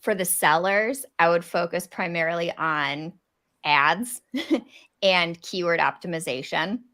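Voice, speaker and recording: A woman with a lower pitch and a bright, forceful tone, answering as a guest over a video call. She explains things in a friendly way, with light laughs between her points. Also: measured pace. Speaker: marketing consultant guest. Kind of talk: interview answers.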